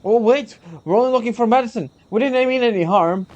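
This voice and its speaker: A man voicing a frightened, pleading soldier in a game story, earnest and halting. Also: a little high, lively intonation, a little mellow, highs cut off, close to an everyday voice. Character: Mikhail, pleading, frightened male wounded-army soldier. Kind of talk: game story read aloud.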